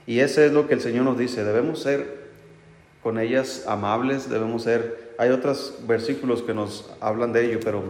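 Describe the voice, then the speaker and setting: A man gives a sermon in an easy, talking-to-you way, keeping his questions and asides going with the congregation. His mid-pitched voice rings out through a large room with a long, roomy reverb. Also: steady tone, moderate pace, a little mellow. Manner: plain, talks straight to the men, keeps asking "¿verdad?" and "¿sí?". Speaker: preacher. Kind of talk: conversational sermon. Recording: echoey hall reverb.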